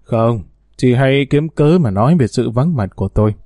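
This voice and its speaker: A man's voice: mid-range voice, expressive, normal speed, dark tone, dry recording, clean studio sound. A man voicing a flirtatious, haughty wealthy woman, coquettish with her lover and cold to her servant. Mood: cold commanding.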